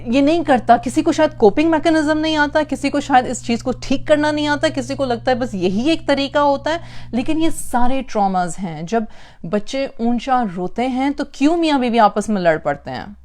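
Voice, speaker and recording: A woman's voice: high voice, animated, normal speed, darkish tone. A woman giving an emphatic parenting talk, repeating phrases for stress and mixing in English words. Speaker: parenting speaker. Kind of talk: lecture on parenting.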